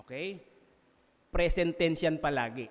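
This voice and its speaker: A Filipino man delivers a sermon in a fairly high voice, lively and quick to joke at his own expense. He keeps checking in with his congregation as he goes. His voice rings with the long reverb of a church hall. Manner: lively, jokes and laughs at himself, often checks in with listeners. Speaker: preacher. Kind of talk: sermon mixing Tagalog and English.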